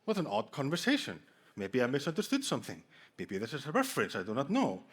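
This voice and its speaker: An Icelandic conference speaker with an Icelandic accent jokes and banters with a live audience from a conference hall stage. He talks fast in a mid-range voice that is fairly bright with a breathy edge and full of huge pitch swings.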